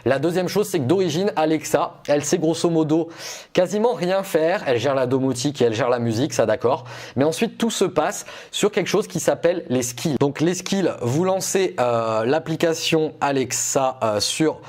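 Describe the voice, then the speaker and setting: A man's voice: a little high, expressive, moderate pace, darkish tone. A man explaining and reviewing gadgets to his viewers in a casual, explanatory way. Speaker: tech reviewer presenting a video test.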